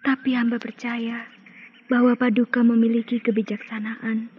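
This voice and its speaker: An actress voicing a devoted, anxious young palace maidservant in an old radio drama, speaking with humble, pleading deference. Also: female voice, fairly high pitch, level tone, normal speed, a little hiss or hum. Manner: pleading, deferential court speech. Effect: old radio show sound. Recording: muffled old radio play with music.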